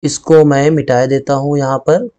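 Teaching Hindi spelling, a man speaks in a mellow, mid-range voice with a level tone and moderate pace. He explains things one step at a time, repeating every word twice and frequently saying "ठीक है".

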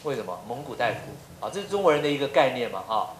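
A man's voice: mid-range voice, very animated, racing, slight background noise. A middle-aged man from Taiwan, a professor giving a lecture full of humorous anecdotes and rhetorical questions. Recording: roomy lecture hall.

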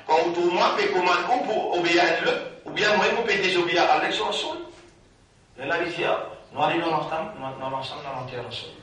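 A man preaching a Ramadan sermon, swinging between loud declarations and quiet asides, recorded from far off in an echoing hall. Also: a little high, fairly quick.

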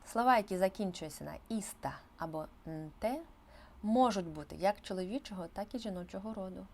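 A woman teacher explaining grammar in an online language lesson, stressing key words with lively emphasis. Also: medium pitch, brisk, slight background noise. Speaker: Spanish teacher.

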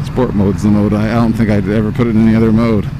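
An American man talks loosely while riding, his somewhat low voice picked up by a helmet mic. He rambles with lots of restarts. Heavy wind and engine noise from the street fill the recording. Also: quick pace. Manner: rambling, relaxed, many fillers and restarts. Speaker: motorcycle vlogger. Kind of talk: casual ride commentary. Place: riding a motorcycle on city streets outdoors. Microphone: helmet-mounted headset mic. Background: motorcycle engines and traffic.

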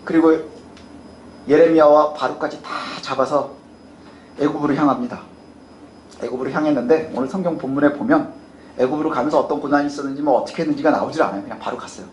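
A man delivers a sermon with a high-pitched voice, questioning his listeners as he goes. He puts on the pleading tone of people praying. The recording is roomy and echoey, with a faint hiss underneath. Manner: asks the congregation questions, acts out prayers in a higher voice. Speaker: pastor.

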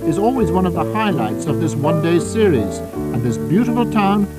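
A man's voice: fairly high pitch, big pitch swings, moderate pace, rough recording. A man delivering scripted narration for a motorsport programme. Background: loud music and car sounds.

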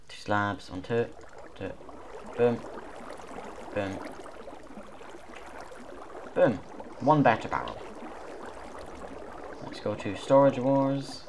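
A man giving let's play commentary as a gaming YouTuber, excitable and self-mocking with sudden loud outbursts. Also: medium pitch, slow, creaky, pauses often, noisy background.

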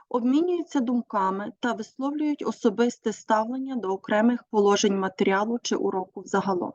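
A woman's voice: a little high, darkish tone, no echo. Teacher woman, dull dry recording. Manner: measured, with frequent hesitations. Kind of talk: presentation on teaching methods.

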